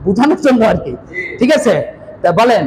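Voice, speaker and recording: A man's voice: extremely high pitch, lively intonation, a little fast, a little mellow. A man teaching Quran reading, repeating letters and asking the class to say them back. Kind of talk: classroom lesson with call-and-response drills. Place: classroom with students. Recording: noisy room with a crowd of learners.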